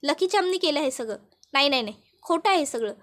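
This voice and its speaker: Woman doing a worried young man, high voice, urgent, repeats his questions, TV serial recap. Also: animated, fairly quick, a bit bright. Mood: shocked. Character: anxious young man pleading for news.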